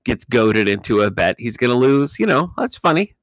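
Man, podcast co-host, mid pitch, easygoing, chuckles, dry close mic. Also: moderate pace, no echo. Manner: relaxed, amused, chuckles often. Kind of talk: casual chat.

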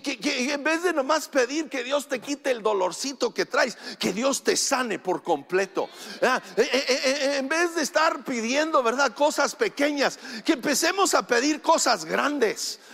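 A man's voice: sits high, a bit bright, long reverb tail. A male pastor preaching an emphatic sermon in a church, asking the congregation rhetorical questions and acting out quotes.

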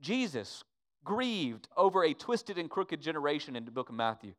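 A man preaching a sermon as pastor, swinging from hushed to emphatic and repeating words as he pleads with the church. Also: on the high side, sing-song, moderate pace.

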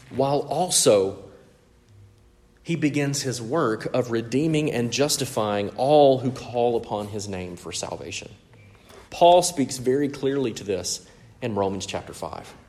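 A man with a Mississippi drawl preaching a sermon as a pastor, phrasing deliberately and with emphasis. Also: medium pitch, darkish tone. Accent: Mississippi drawl, Southern US. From Mississippi, United States. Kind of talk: expository sermon with scripture readings.

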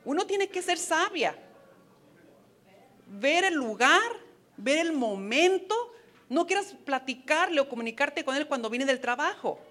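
A woman's voice: high-pitched, fairly bright tone. A woman preaching a sermon to wives, earnest and advising, with playful asides. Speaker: women's ministry speaker.

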